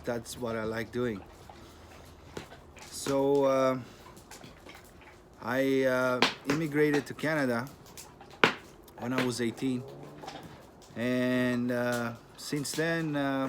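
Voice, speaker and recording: This Greek channel host, in his thirties, chats casually to the camera in easygoing, plain English, his accent and phrasing showing he's a non-native speaker. He speaks at a medium pitch. Noise and clicking mar the recording.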